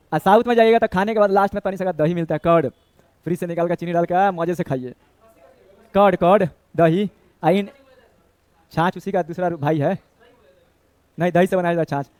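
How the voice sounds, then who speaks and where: A man teaches a classroom maths lesson in a high, clear, resonant voice. He talks in a chatty way, joking with his students, scolding them and dropping in Bhojpuri words. The sound is dry and close. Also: fairly even intonation, a little fast, pauses often, darkish tone, no echo.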